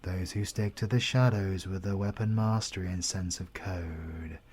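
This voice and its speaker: The villainous interrogator here is a British man in an audio roleplay, courteous yet menacing, deliberate and formal, with moments of whispering. He sits low in pitch, steady, slightly mellow and husky, in a mood of cynical reflection.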